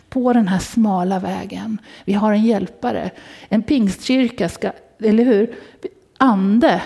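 A woman's voice: medium pitch, warm tone, slightly rough. A woman preaching a conversational sermon in church, often putting questions to the congregation.

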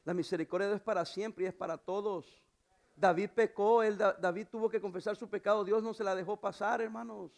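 Man, pastor, sermon, high voice, gravelly, hushed to loud emphatic swings. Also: fairly even intonation, fairly quick. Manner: acts out quoted voices in a high pitch.

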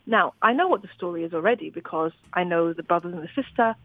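Talking about her books with real animation, a woman novelist from a Zimbabwean upbringing restarts her sentences often during an interview. She has a fairly low pitch and a quick pace, captured in a dry, phone-like recording.

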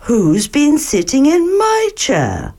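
A woman voicing a gentle mother bear in a storybook reading, speaking softly and sympathetically. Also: high voice, wildly swooping pitch, slow pace, creaky, voice pushed up, full character voice. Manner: soft, sympathetic.

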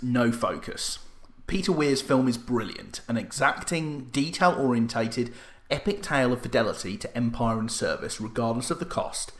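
A man's voice: mid-range voice, fairly bright tone. A man hosting a casual film podcast, talking with dry, self-mocking humor. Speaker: podcast host. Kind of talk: casual film review chat. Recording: echoey room.

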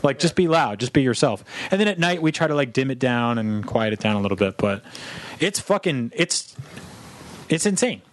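A man's voice: medium pitch, moderate pace, dry recording. Man telling a wild story, dry sound. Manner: animated profane storytelling; laughs mid-story. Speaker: podcast co-host. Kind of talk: casual chat.

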